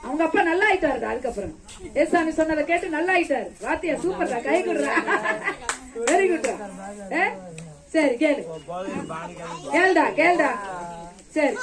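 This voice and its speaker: High-voiced woman telling children a Bible story. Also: lively intonation, normal speed, pauses often. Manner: keeps asking the children questions and answering them; coaxing and affectionate with the children. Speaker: children's ministry teacher. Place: outdoors during rain. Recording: children's chatter all around. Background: a group of children.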